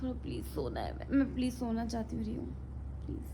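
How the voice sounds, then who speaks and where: A woman's voice: on the high side, very animated, quick pace. A woman vlogger chatting casually, sounding unwell and tired, with a weary, pleading manner. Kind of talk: casual chat to camera and pet. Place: home, indoors. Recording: clear background noise.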